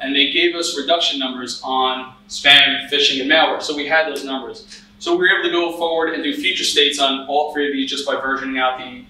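This man in his thirties, a cyber risk analyst, presents conversationally at a conference in a hotel meeting room, often restarting and using fillers. His medium-pitched voice is bright and forceful. The recording is distant and echoey.

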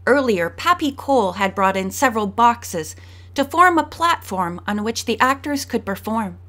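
A woman reads an audiobook aloud in a slightly high voice. She moves her pitch and pace around to give each character a voice of their own. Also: lively intonation, moderate pace, fairly bright tone. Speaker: audiobook narrator.

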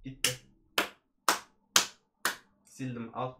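A man giving casual gaming commentary as a YouTuber, excitable and often calling to his viewers as friends. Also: mid-range voice, extremely slow, reverberant, very noisy. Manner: excitable, swings from pleading shouts to grumbling; addresses viewers as friends, says "abi" often.

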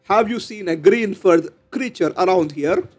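A man's voice: high voice, a little slow, dry recording, faint music behind. A man voicing a tall, formal male alien agent with stiff, declaiming delivery while reading a game story.

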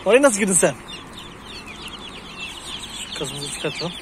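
A man with a high voice talks casually to his viewers while he tends his poultry outdoors. Clucking hens and crowing roosters are clearly heard around him, and he keeps breaking off to call to the animals. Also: very animated, unhurried. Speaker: hobby farm vlogger. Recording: noisy outdoor farmyard recording. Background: chickens, roosters and birds.

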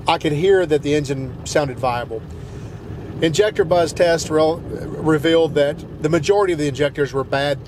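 A man's voice: a little high, a little mellow. A middle-aged man with a Southern US accent telling a long story while driving, rambling with many fillers and restarts, recorded by a dash camera in a pickup cab. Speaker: truck vlogger. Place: inside a pickup truck cab, driving in snow. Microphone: dash-mounted camera. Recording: road noise behind.

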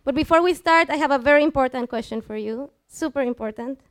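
Here the young woman's voice sits high and moves quickly. A Spanish-speaking student in her twenties with a Mexican accent, she uses a headset to give a public science talk in a small lecture room, explaining ideas and casually posing questions to the seated audience.

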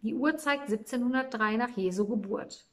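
Woman reading as a gentle wise angel. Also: fairly high pitch, normal speed, lightly acted. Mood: calm.

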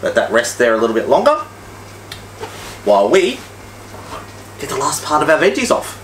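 A man's voice: mid-range voice, sing-song, moderate pace, roomy sound, slight background noise, low-quality recording. A man talking through a cooking demonstration, with chatty, upbeat, step-by-step instructions. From Australia. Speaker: cooking vlogger.

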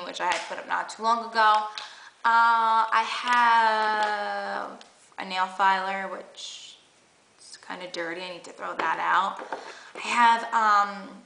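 A young woman vlogs about her makeup in a chatty, gushing way, full of fillers and restarts. Her voice is bright with a gravelly edge. The room adds a clear echo. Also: medium pitch. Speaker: beauty vlogger. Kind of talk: casual makeup haul chat.

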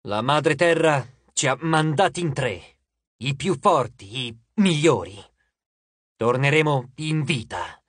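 A man voicing an ancient spirit possessing a boy, speaking slowly in a flat, gloomy way in an audiobook. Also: medium pitch, husky, no room sound, exaggerated voice. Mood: cold.

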